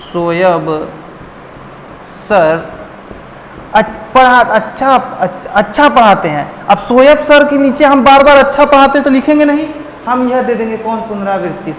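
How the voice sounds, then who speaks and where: A male teacher giving a lively online grammar lesson, keeping it light with jokes and friendly asides to his viewers. He stretches out words to show how they sound. His voice rings in an echoey room with a long reverb and a faint hum behind it. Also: very high voice. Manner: playful, jokey, calls listeners "friend", stretches words to show them.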